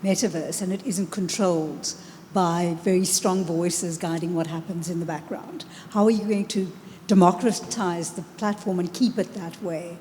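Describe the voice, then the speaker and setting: Panel judge pressing a founder; lower-pitched, reverberant hall, faint ambience. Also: female voice, steady tone, moderate pace, warm tone, slight background noise. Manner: probing questions. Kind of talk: panel question.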